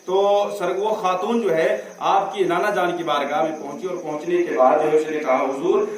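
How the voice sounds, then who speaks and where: A man preaching a sermon as a story, his voice rising to shouts at the climaxes, picked up through a stage microphone at a large religious gathering. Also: on the high side, fairly even intonation. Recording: very echoey, far from mic.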